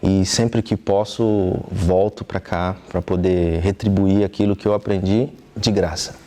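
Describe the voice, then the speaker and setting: A young man from southeastern Brazil with a Brazilian Portuguese accent, answering interview questions earnestly in a TV studio, pausing often with fillers. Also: low-pitched, fairly even intonation, warm tone. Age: young adult. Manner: earnest, thoughtful, with frequent hesitation fillers. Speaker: interview guest, trumpeter.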